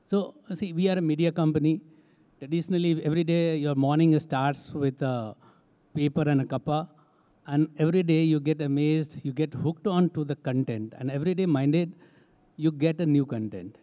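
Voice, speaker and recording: An HR head with an Indian English accent answers on a conference panel, speaking emphatically and with repetitive phrasing into a handheld mic on a large stage. His voice is a little high and mellow, with fairly even intonation at a moderate pace.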